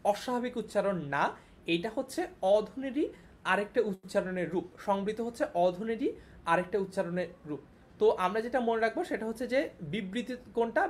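A young woman teaching an online class, patiently repeating each point and checking that her students follow. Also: on the high side.

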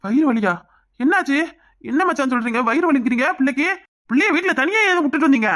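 A woman's voice: high voice, animated, fast talker, a bit bright. A woman voicing a grown son in a cartoon comedy, who is torn between his mother and his wife and tries to placate them. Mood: placating. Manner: hedging, placating.

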